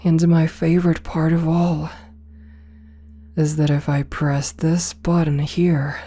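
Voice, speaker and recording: A woman plays a possessive, domineering rich CEO in an ASMR roleplay, using a full character voice that sits low with little pitch movement. Slow, soft and breathy, she coaxes with condescending sweetness and slips into whispers, creating a hypnotic, coaxing mood.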